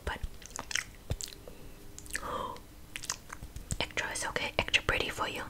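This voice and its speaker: A woman whispers a role-play as a bossy, accented female makeup artist who is blunt and insulting, scolding in clipped phrases with a brisk, critical mood. Her natural voice comes out as a slow, breathy unvoiced whisper full of wet mouth sounds.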